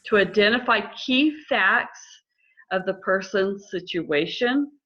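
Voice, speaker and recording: Calm middle-aged woman counselor, dull audio. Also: medium pitch. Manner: calm, measured explaining. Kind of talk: instructive conversation.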